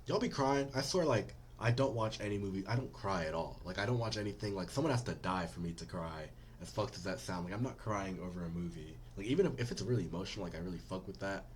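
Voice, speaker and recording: A young man with a very low voice talks quickly through casual reaction commentary. He is blunt and mocking and swears freely. A faint hiss sits under his voice. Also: lively intonation.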